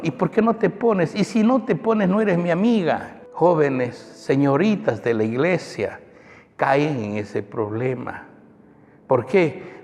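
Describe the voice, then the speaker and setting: A man's voice: mid-range voice, a little mellow. A male pastor preaching a sermon in an emphatic way, often calling out to the brethren in a church. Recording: long church reverb, faint music.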